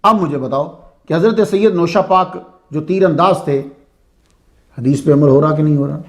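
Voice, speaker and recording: A man telling a saint's story as a sermon-style lecture, in a conversational way that asks the listeners questions. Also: a little high. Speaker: religious speaker.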